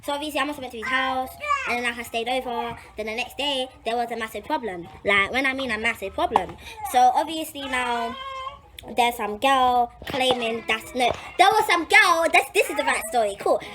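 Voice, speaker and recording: Over music, a young Londoner with a voice on the high side tells a personal story fairly quickly. The chat is casual, slangy and animated, and she repeats phrases for emphasis.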